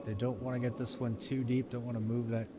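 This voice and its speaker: A male curling commentator talking the viewer through each shot in an easygoing, conversational way. His voice sits in a middle register, with steady noise hissing behind him. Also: mid-range voice, fairly quick. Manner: relaxed, chatty play-by-play with laughs. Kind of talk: sports commentary.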